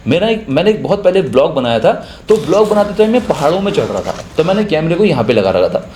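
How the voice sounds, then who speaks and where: Young guy w hindi accent explaining voiceover tips, kinda high mellow voice, echoey room. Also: sing-song, fast, a little hiss or hum. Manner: chatty, explains with spoken examples. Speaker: YouTube voiceover tutor. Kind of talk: casual spoken tutorial.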